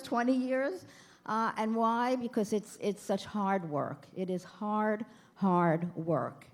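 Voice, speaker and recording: A woman's voice: a little high, a little mellow. A woman in her fifties giving a chatty, self-deprecating speech at a gala, speaking to the crowd from a podium. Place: banquet hall.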